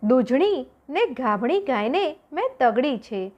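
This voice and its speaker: A woman's voice: high-pitched, big pitch swings, takes it slowly, darkish tone, full character voice. A woman voicing a boastful male warrior now terrified, wailing and pleading as a storm threatens his ship. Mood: confessing. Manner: panicked wailing.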